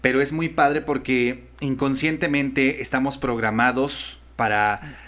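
A man's voice: mid-range voice, steady tone, measured pace, fairly bright tone. Man musing on voice work. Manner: thoughtful, searching for words with restarts. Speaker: voice-over artist and voice coach. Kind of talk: casual conversation.

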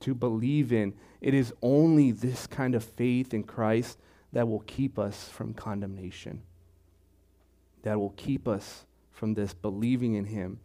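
Slow-preaching man. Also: medium pitch, fairly even intonation, dark tone. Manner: slow, deliberate preaching with repetitions. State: throat clearing, choked up. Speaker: pastor. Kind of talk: sermon.

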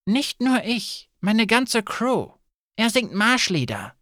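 A brooding woman merchant answers indignantly in a raised voice, played by a male narrator. The audiobook delivery is animated. It is recorded dry and close. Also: fairly high pitch, takes it slowly, no echo, voice pushed up, full character voice. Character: brooding, touchy female merchant.

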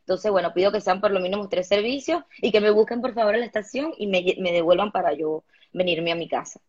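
A Venezuelan woman, a home manicurist, chatting as a guest in an interview in a lively, practical and self-assured way. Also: mid-range voice, fast, slightly rough. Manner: lively, practical, sure of herself. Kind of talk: casual interview chat. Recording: dull lo-fi sound.

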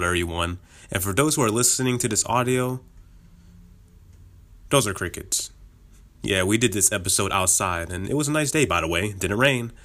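Closing out a casual podcast episode, a cheerful male host rambles through friendly thanks and shout-outs, upbeat and chatty. He sounds slightly sick, so his voice sits somewhat low with a bit of heaviness, and he laughs often between lines.

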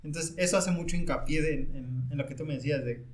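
A man's voice: a little high, quick pace. A man with a Mexican accent, a private driver, telling anecdotes in casual chat and acting out the people in them. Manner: animated storyteller, acts out voices in anecdotes.

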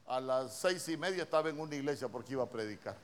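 A man with a Honduran accent preaching a sermon in a church, swinging between hushed words and sudden shouted lines, full of rhetorical questions. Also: mid-range voice, expressive, fast, a little hiss or hum. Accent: Honduran Spanish.

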